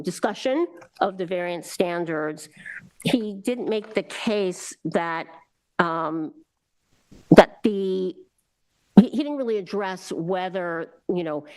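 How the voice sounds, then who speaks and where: A woman on a zoning board, reasoning through a decision at a public hearing in a halting, deliberate way with many fillers and restarts. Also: on the low side, rough recording. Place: town hall meeting room.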